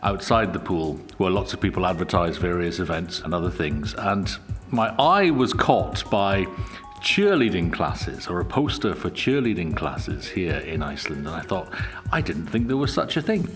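A man's voice: low voice, very animated, moderate pace, soft background music. A man hosting a radio feature, narrating and asking friendly, curious questions. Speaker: radio host.

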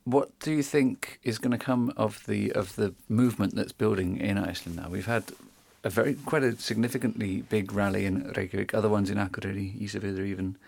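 A man hosting a radio interview, asking measured, thoughtful questions. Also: fairly low pitch, steady tone, creaky, a little mellow. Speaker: radio show host.

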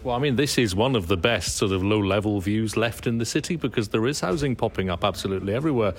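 A man with a fairly low voice hosts a walking-tour radio interview. He leads with brisk, chatty questions and remarks. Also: lively intonation. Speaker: radio host.

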